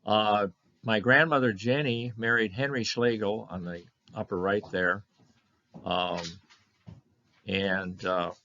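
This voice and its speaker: An older man presenting a slide lecture on his family history, halting often with fillers and restarts. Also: fairly low pitch, fairly even intonation, sharp tone, a little hiss or hum. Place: meeting room of a historical society. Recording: dull lo-fi lecture recording.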